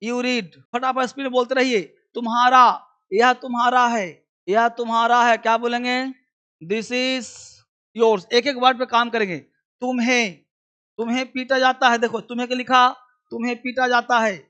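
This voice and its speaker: A man teaching English in a live online lesson, drilling phrases with repetition and urging viewers to answer fast. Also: extremely high pitch, level tone, sharp tone, clean tone.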